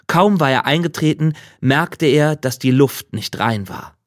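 A man narrating a fairy tale in a calm, even storytelling manner. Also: a little high, a little slow, dry recording, clean studio sound.

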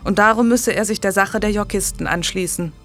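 A woman reading an audiobook, voicing a calm, polite young medieval nobleman with a steady, firm manner. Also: mid-range voice, a little fast, faint music behind.

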